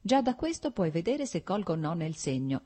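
A woman's voice: on the low side, sing-song, normal speed, warm tone. A woman voicing an earnest, agitated young nobleman in love, in a pleading, urgent voice.

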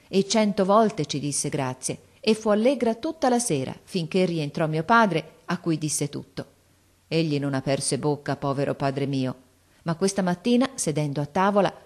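Audiobook narrator, woman, lower register, measured expressive storytelling. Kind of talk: scripted literary narration.

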